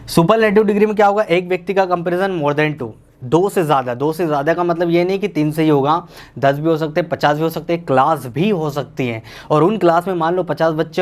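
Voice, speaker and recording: A man teaching English grammar, explaining slowly and translating each example sentence, often calling his viewers "bhaiya". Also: on the high side. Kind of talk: Hindi-English grammar lesson.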